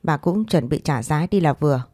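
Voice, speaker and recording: A woman's voice: deep voice, animated, moderate pace, warm tone, no echo, clean studio sound. A woman voicing a blunt older man who reproaches his wife. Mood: reproachful. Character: blunt, scolding older husband.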